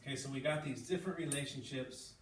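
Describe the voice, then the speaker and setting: With a medium-pitched voice and a quick pace, a man teaches sixth-grade English, reading aloud, explaining as he goes and often checking in with short questions to pupils. The mic sits some distance away, giving roomy sound with background noise.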